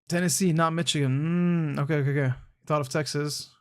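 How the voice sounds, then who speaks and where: Here a young man on stream responds to viewers in easygoing, slangy fashion, addressing chatters as "bro" and frequently starting over while he thinks aloud. His voice is fairly high and clean, with fairly even intonation and a slightly quick pace.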